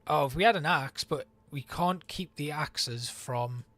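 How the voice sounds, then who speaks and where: Male game streamer, thinks out loud, chatty, somewhat high pitch. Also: a little slow. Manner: chatty, thinking aloud while playing. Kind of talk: let's play commentary.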